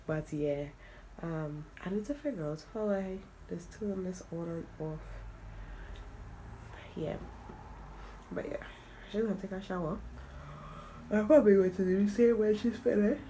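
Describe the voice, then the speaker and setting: Her mid-range voice is mellow and a touch slow as she chats through a casual vlog at a relative's home, full of fillers and easy laughter. The phone sits on a monopod a bit away from her, and the low-quality audio has a slight hiss or hum.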